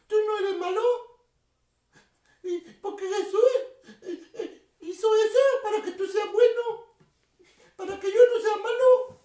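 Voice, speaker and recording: A woman's voice: extremely high pitch, warm tone, roomy sound, recorded from a distance. A woman performing as a clown preacher who tells children a Bible story in a sing-song, giggly and teary voice, repeating words and asking the kids questions.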